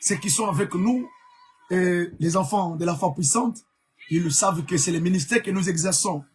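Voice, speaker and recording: A man's voice: sits high, normal speed, faint music behind. A man from Congo preaching a live-streamed sermon as an evangelist, emphatic, repeating key words, with many fillers.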